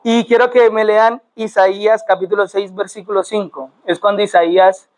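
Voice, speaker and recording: A man's voice: sits high, flat delivery, moderate pace, low-quality recording. A male pastor, preaching to a church and explaining words step by step with repeated phrases and questions to the congregation. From Colombia. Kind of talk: sermon teaching. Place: church sanctuary.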